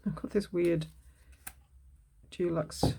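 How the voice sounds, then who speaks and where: A woman's voice: lowish voice, steady tone, takes it slowly, gravelly, warm tone, husky. A woman talking casually as she works on a collage for her craft video, thinking aloud and changing her mind. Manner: muses aloud while working, self-correcting.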